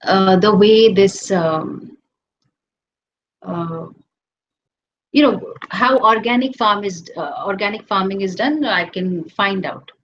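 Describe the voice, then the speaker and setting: A woman's voice: mid-range voice, slow pace, pauses often. A woman spiritual teacher with an Indian accent giving a conversational scripture lecture, hesitant with many fillers and often acting out the voices she quotes. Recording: slightly dull recording with faint hiss.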